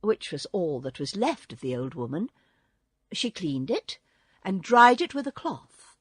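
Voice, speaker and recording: A woman reading a classic children's book aloud in a slow, expressive storytelling way. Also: on the low side, breathy edge, dry recording, studio quality.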